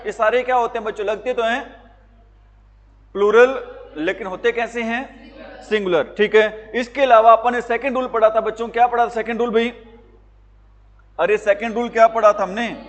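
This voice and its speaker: A man's voice: extremely high pitch, big-room sound. A male teacher giving a classroom grammar lesson, drilling his students with repeated questions and waiting for them to answer.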